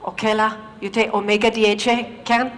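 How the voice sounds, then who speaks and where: A woman's voice: medium pitch, little pitch movement, brisk, close to an everyday voice. A woman quoting another woman who asks short, clipped questions, in a reverberant hall. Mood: blunt.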